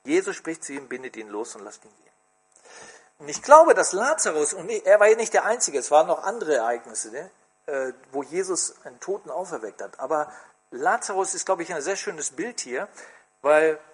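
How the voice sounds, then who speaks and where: Lively, husky-voiced male preacher. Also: a little high, normal speed. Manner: expressive, asks the congregation questions. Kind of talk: sermon.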